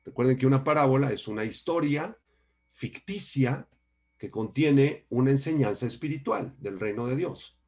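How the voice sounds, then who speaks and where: A man's voice: mid-range voice, normal speed, a little mellow, dull audio. A man, a pastor teaching a Bible study, repeating key words for emphasis and addressing his listeners directly.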